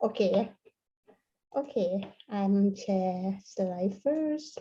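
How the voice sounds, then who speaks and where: A woman with a Thai accent and Thai as her first language gives a conference presentation, speaking haltingly and repeating words. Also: medium pitch, animated, warm tone. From Thailand. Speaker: keynote speaker, university lecturer. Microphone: online conference call. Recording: dull, lo-fi online call audio.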